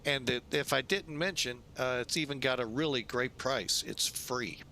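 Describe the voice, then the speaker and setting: A man's voice: moderate pace, bright, forceful tone. A man giving casual commentary as a flight simulator streamer. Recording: faint low cockpit rumble behind voice.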